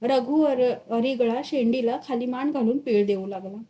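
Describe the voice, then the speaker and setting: A woman reading a literary short story aloud, expressive and dramatic in her storytelling. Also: fairly high pitch, normal speed. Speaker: story reader.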